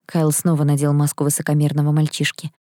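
A woman reads a fantasy audiobook in first person, calm and measured. Her voice is low, and the recording is dry and close. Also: dry recording. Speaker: audiobook reader.

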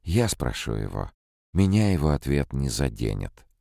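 A man voicing a sharp, mocking woman robot psychologist in an audiobook, his deep voice pushed higher. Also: very animated, normal speed, gravelly, no echo, studio quality, exaggerated voice. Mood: scornful. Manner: mocking, cutting.

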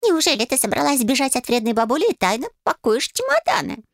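A woman's voice: sits high, big pitch swings, fast talker, no room sound, studio quality, voice pushed up. A woman voicing a sarcastic female owl familiar in an audiobook, mocking and indignant.

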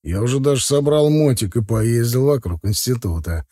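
A man's voice: medium pitch, lively intonation, moderate pace, mellow, no echo, clean studio sound, lightly acted. A man voicing a proud, offhand young brother-in-law in an audiobook. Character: young man, proud new motorbike owner.

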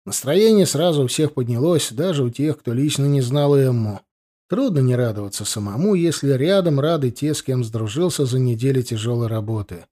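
Young male narrator for a first-person audiobook; calm and conversational, warm low tone. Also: moderate pace.

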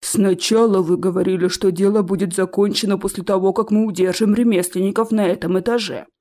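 Woman doing a troll chief, male, elder, gruff, loud, accusing, stubborn, audiobook. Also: mid-range voice, fairly even intonation, a little fast, close to an everyday voice. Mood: angry, accusing.

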